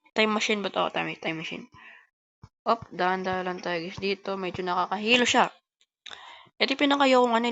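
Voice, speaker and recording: A woman who talks fast, giving casual gameplay commentary and chatting to her viewers as host of a gaming channel. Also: fairly low pitch, vocal fry, a bit bright, muffled recording. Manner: fast-talking.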